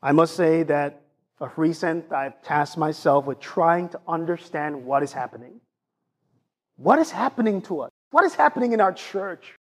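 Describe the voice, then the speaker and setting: A man with a Jamaican accent delivers a sermon as a pastor, in a fairly high voice. He puts rhetorical questions to his congregation and builds his points through a list of ideas. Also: lively intonation, normal speed.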